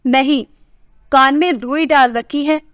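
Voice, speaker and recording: A woman voicing a sharp-tongued older wife who scolds her husband with a caring side, in a family story. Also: high voice, steady tone, takes it slowly, dry recording, studio quality. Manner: scolding, tart.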